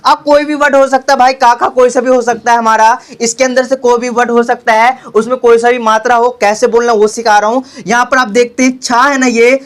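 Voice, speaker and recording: A young adult tuition teacher speaks briskly with hardly any pauses, his extremely high voice staying level. He drills the children in his classroom with call-and-response questions, calling them beta, and the recording is noisy and clicky.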